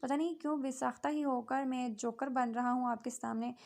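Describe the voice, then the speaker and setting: A woman's voice: sits high, flat delivery, normal speed, gravelly, darkish tone. A woman voicing a playful young man who teases and jokes, in a storybook reading. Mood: teasing. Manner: jokey, teasing.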